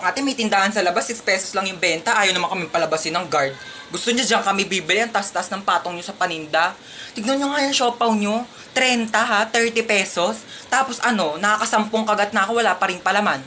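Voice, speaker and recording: A woman's voice: mid-range voice, sharp tone, a little hiss or hum. Sassy Filipina woman doing comic skits. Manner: playful, sassy, rambling monologues. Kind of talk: comedic skits.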